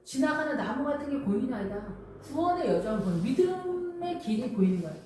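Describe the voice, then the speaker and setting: A woman's voice: high voice, fast talker. Echoey, distant female pastor preaching. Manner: animated, acts out pleading cries and questions. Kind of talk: sermon.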